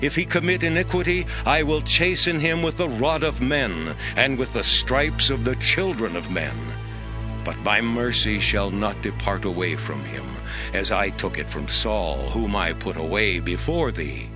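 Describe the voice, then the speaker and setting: Nathan the prophet speaks slowly and deliberately, his voice rising and falling with great expression. He sounds grave and steady in this audio drama. Clear music plays beneath his lines. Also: fairly low pitch. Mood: solemn. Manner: slow, deliberate prophetic delivery. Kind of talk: dramatized scripture reading.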